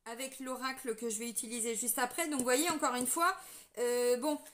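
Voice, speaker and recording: A high-pitched woman from France gives a spiritual reading in a loose, chatty way. She talks straight to her viewers and often restarts her sentences with fillers as she goes. Her tone stays conversational and personal throughout. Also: steady tone, normal speed, fairly bright tone. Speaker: tarot reader giving a spiritual guidance. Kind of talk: casual spoken guidance to viewers.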